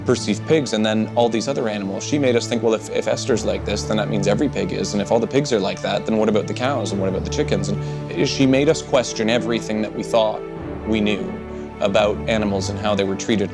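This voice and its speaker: Guy telling a personal story in an interview, low voice, music underneath. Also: steady tone, brisk. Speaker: animal caregiver interviewee.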